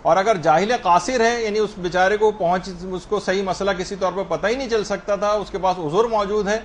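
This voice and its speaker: A man with a fairly high voice leads a religious lesson on how to pray correctly. He works through one ruling after another, raising common questions and settling them himself. A faint background hum sits under his voice. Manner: explanatory, asks and answers questions himself; spells out correct pronunciation slowly. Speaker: religious teacher.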